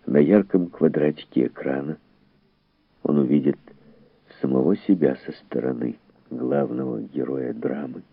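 A man reading a novel aloud in measured, dramatic scripted narration. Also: very deep voice, gravelly, breathy edge, no echo. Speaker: audiobook narrator. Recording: tinny phone-like dry recording.

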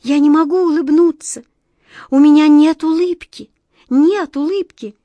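A woman voicing a small, guilty, wide-eyed girl who pleads in a high, drawn-out voice. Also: mellow, no room sound. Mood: plaintive.

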